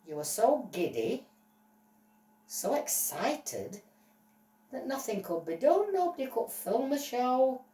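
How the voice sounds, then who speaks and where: Stern lecturing judge, a woman putting it on, slow and deliberate, mellow, echoey room. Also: a little high, sing-song, recorded from a distance, pitched above the performer's own voice. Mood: scolding. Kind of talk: playful toy play storytelling. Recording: roomy echo, voice off-mic.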